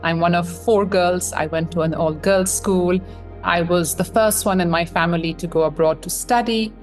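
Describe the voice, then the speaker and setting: A woman's voice: on the low side, steady tone, normal speed, faint music behind. A woman in her thirties from Pakistan, an admissions consultant answering interview questions in a friendly, reflective way.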